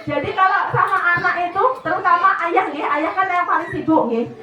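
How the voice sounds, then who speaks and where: A woman with a Javanese accent giving a chatty, animated parenting talk to parents, dropping into Javanese phrases. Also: very high voice, fairly quick, a crowd in the background. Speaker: parenting seminar speaker. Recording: echoey hall, distant mic, noisy.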